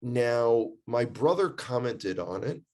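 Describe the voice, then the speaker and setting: An American man, a guest who works as a tour guide and lives in Israel, tells stories casually and conversationally, stressing points and repeating phrases for effect. His mid-range voice is slow, darkish in tone, with lively intonation.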